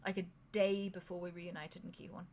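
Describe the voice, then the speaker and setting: A woman voicing a brooding, tormented man with a flat, sarcastic manner in a tabletop role-play. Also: on the low side, a little fast, a little hiss or hum, natural voice. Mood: numb, sardonic.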